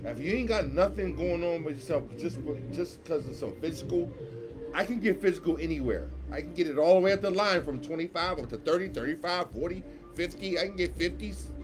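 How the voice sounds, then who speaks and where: A man's voice: on the high side, a little fast. A man in his fifties, a guest DJ on a radio talk show, chatting casually, bragging and repeating himself. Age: 50s.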